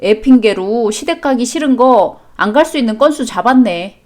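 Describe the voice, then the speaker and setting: A woman's voice: fairly high pitch, expressive, moderate pace, a little mellow, natural voice. A woman voicing a defensive young husband in a storybook chat drama, talking back with a sneering edge.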